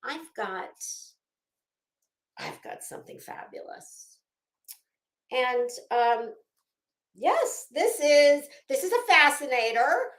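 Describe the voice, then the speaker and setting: A woman livestream host chats casually in a high, sing-song voice, speaking slowly with long pauses and a fairly bright tone. She's rambling and theatrical, often breaking off mid-thought to start over, and the room sounds echoey.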